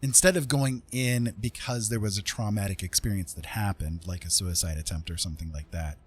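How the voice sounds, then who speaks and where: A livestream host chats casually with his viewers, rambling in a conversational way. His fairly low voice is a little fast, with a little hiss or hum on the recording and faint music playing in the background.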